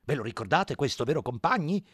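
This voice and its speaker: A man voicing a sly male pig propagandist who talks shrill and insistent. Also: big pitch swings, fast, fairly bright tone, breathy edge, no room sound, studio quality. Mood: fervent. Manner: shrill, emphatic, wheedling preaching.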